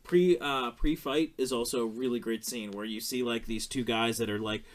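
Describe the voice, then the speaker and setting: A man's voice: mid-range voice, fairly even intonation, normal speed, slight background noise. A man hosting a podcast, chatting casually about a film, rambling with lots of fillers, restarts and swearing. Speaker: podcast host.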